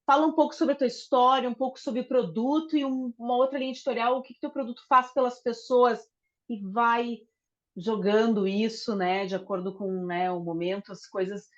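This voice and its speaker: A woman guest on a podcast, talking in a relaxed, conversational way, often checking in with tag questions. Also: fairly high pitch, moderate pace. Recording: dull lo-fi sound.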